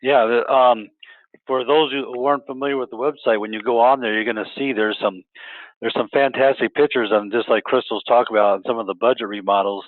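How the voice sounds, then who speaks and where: The interviewer here is a man with a medium-pitched, fairly even voice who speaks briskly with no room sound. His questions to the guest come out in stumbles, full of repeats and false starts, and the audio is tinny and dry like a phone call.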